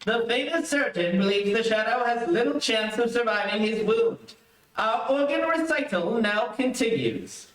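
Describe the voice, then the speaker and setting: A man's voice: extremely high pitch, animated, moderate pace, fairly bright tone. An actor, a man, playing an urgent 1930s radio news announcer with formal, declamatory delivery. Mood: urgent, official. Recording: very echoey, distant-miked stage recording.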